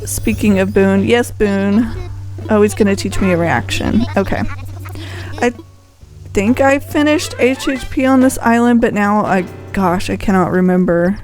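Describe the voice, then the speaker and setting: Showing viewers around a game island, this female video host chats in an unscripted, rambling way, thinking out loud as she plays. Her voice is medium-pitched, measured and a little mellow, with faint music behind her.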